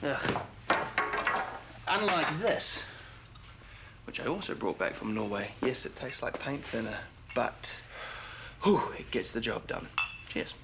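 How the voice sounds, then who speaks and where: A man's voice: medium pitch, very animated, slow pace, creaky, pauses often, background noise, heavily acted. An actor with a New Zealand accent playing a cocky young male god who talks in a brash, mocking, joking way. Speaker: actor in a TV series. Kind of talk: TV drama acting. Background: music.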